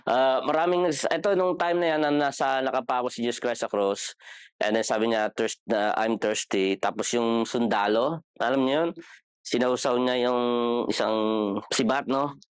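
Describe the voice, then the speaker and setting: A man with a Filipino accent, from the Philippines, teaches a Bible class in a church classroom, keeping it casual, chatty, and full of jokes. He asks the class questions and code-switches. His medium-pitched voice is steady, clear and resonant, at normal speed, in a dry, studio-quality recording.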